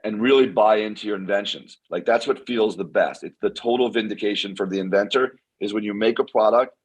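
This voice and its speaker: A hoarse man, an inventor guest, talking excitedly in a casual interview, repeating words and using lots of fillers. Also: on the low side, brisk, poor audio. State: hoarse, losing his voice.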